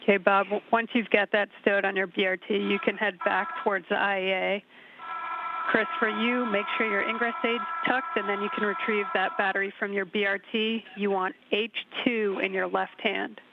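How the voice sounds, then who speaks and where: Brief: mission control communicator giving calm step-by-step instructions, gravelly tone, faint hiss of a sci-fi communicator link. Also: medium pitch, moderate pace. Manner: steady, even instructions. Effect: radio loop transmission, like a sci-fi communicator. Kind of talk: calm procedural radio instructions. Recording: dull, faintly noisy radio feed.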